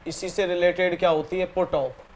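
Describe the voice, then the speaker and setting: A man with an Indian English accent teaching an exam-prep grammar lesson in Hindi. He reads the English example sentences slowly and deliberately and often repeats key words. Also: high voice, little pitch movement, vocal fry, slight background noise. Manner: repeats key words and ends points with "theek hai".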